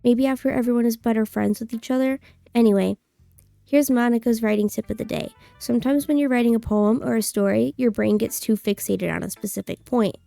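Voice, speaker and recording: A woman streamer voicing a gentle, thoughtful schoolgirl poet who leads a club in a visual novel game, calm and encouraging. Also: on the high side, brisk, gravelly, no echo, soft background music.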